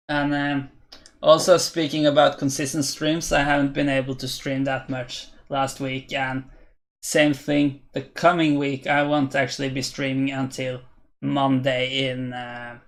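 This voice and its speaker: In a casual live stream, a Norwegian man in his twenties plays chess and responds to viewers, thinking aloud and hesitating as he reads chat. He speaks with a Norwegian accent in a level, unhurried, medium-pitched voice.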